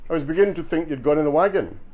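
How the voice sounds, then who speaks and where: A man's voice: on the high side, lively intonation, very fast, lo-fi sound, pitched above the performer's own voice, close to an everyday voice. A man voicing a friendly, teasing barman during a bookshop reading. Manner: chatty, teasing. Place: bookshop event.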